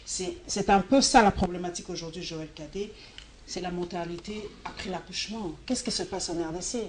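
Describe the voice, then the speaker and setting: A woman moderating a talk panel, interjecting with brisk follow-up questions. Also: on the low side, background noise. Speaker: talk show host.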